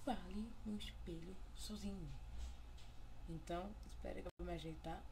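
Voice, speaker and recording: A man's voice: sits high, fairly even intonation, normal speed, creaky, noisy background. Playful Pernambuco-accented male vlogger. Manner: playful, self-mocking, slangy. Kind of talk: casual solo vlog talk.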